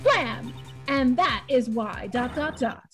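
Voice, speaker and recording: A woman's voice: fairly high pitch, animated, takes it slowly, fairly bright tone, faint music behind. A woman voicing a female defense attorney in a casual fan read-through, reading stage directions aloud with mock drama. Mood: dramatic.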